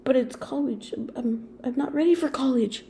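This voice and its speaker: A woman's voice: fairly high pitch, a little fast, mellow, a little hiss or hum, pitched above the performer's own voice, close to an everyday voice. A woman voicing a nervous teenage daughter about to leave for college, tearful and stammering. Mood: anxious.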